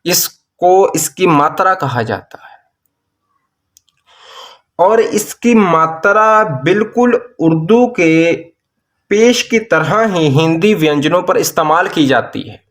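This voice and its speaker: A man, teaching a lesson and drawing out each sound as he spells words out slowly. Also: fairly high pitch, lively intonation, a bit bright. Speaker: language teacher. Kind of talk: slow explanatory lesson.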